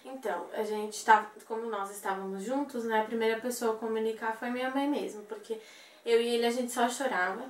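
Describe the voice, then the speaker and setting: A young woman telling a personal story in an interview, animated and acting out the voices of the people in it. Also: a little high, fairly quick. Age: young adult. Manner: animated, acts out quoted voices. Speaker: interview guest. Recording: echoey room, voice from a distance.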